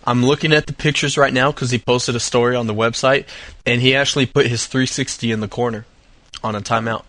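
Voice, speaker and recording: A man's voice: medium pitch, fairly even intonation, a little fast, fairly bright tone, no room sound. A man co-hosting a gaming podcast, talking in a laid-back, wry way. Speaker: podcast co-host. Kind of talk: casual chat.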